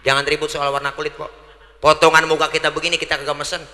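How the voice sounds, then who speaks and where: A man's voice: a little high, flat delivery, fast, bright, forceful tone. A man giving a comedic religious sermon, joking and calling out to the crowd for answers. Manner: jokey, punchy call-and-response with the crowd. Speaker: preacher. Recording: long hall reverb.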